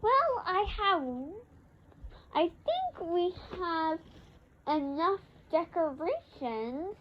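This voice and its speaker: A woman doing an upbeat coaxing mom, high and bright. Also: very animated, extremely slow, dull audio, slight background noise, exaggerated voice. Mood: friendly. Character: cheerful persuasive mother.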